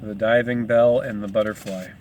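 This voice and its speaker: A man's voice: fairly low pitch, steady tone, moderate pace, darkish tone, a little hiss or hum. A man casually reading a book aloud, rambling into asides and stumbling over hard names. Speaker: reader.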